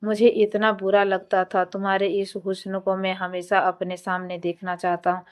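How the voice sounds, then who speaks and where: A woman's voice: medium pitch, monotone, moderate pace, clean tone, natural voice. A woman reading the lines of a cruel, possessive young man in a story narration, with a cold, taunting delivery. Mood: menacing.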